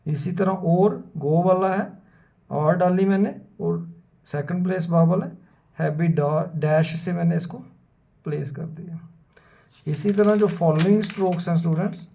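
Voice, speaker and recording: Slow gravelly shorthand teacher. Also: male voice, sits high, warm tone. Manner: methodical, repeats words slowly for students. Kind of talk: whiteboard lesson explanation. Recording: dull lo-fi sound.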